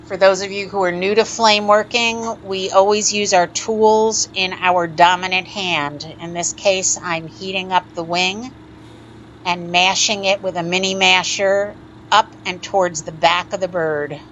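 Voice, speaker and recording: A woman talks through a hands-on glassworking demonstration in a calm, methodical teaching voice. Her voice sits a little low, and the recording is slightly muffled, with a faint hiss underneath. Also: measured pace. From United States. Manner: calm, instructive, methodical explanations. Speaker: glass artist teaching a lampworking demo. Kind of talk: step-by-step tutorial narration.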